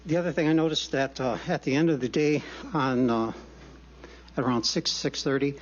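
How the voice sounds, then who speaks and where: A man's voice: medium pitch, fairly even intonation. A man out of breath gives testimony at a public hearing. He halts and restarts often, filling gaps with ums and uhs. The sound is dull and lo-fi, like a hearing room feed. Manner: halting, many fillers and restarts.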